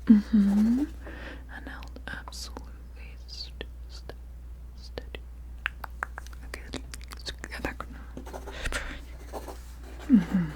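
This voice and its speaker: Woman doing whispered role-play asmr, real slow, breathy, mumbling half sentences to herself with little hums. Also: mid-range voice. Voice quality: breathy, mostly unvoiced whisper with soft murmurs. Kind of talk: whispered ASMR role-play of studying the listener and taking notes.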